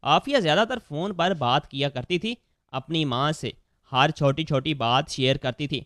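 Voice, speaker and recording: Man, storybook narrator, somewhat high voice, dry close sound, steady even reading. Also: dry recording. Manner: reads all characters in one even storytelling voice.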